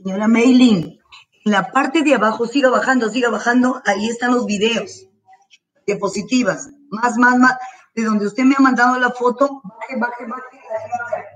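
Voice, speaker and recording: A woman teacher giving slow, careful, repeated instructions to parents while straining her throat. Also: on the high side, fairly even intonation, recorded from a distance, rough recording. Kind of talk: online class instructions to parents. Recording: voice from away from the mic.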